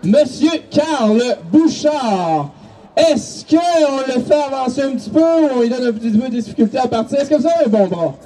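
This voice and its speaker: A man's voice: very high voice, lively intonation, moderate pace, dark tone, far from the mic, faint music behind. A man announcing over the stadium PA at a football game, calling contestants and hyping the crowd.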